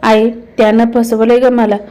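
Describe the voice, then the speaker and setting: Brief: a hurt young village bride in a storybook, read by a woman, rustic speech, smooth and high. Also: flat delivery, normal speed, dark tone, lightly acted.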